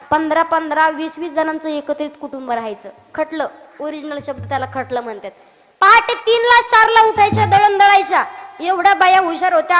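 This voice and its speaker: A woman's voice: high-pitched, fairly bright tone. A woman preacher giving a devotional kirtan sermon, teasing and quizzing her audience and breaking into song. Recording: long hall reverb.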